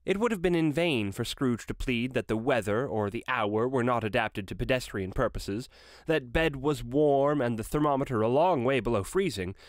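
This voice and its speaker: A man reading a classic story aloud with expressive, varied delivery. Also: medium pitch, no echo, clean studio sound. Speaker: reader.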